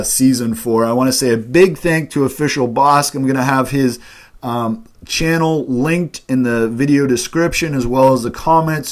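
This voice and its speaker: A man hosting a casual fan chat, talking enthusiastically with lots of fillers. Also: mid-range voice. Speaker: host.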